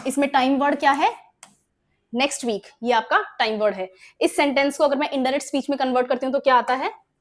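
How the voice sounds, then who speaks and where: A woman's voice: sits high, fast talker. A young Indian woman with an Indian English accent, teaching English grammar in Hindi with English examples and often asking her students if they follow. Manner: explains in Hindi mixed with English examples, asks frequent check questions. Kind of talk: exam-prep grammar lesson.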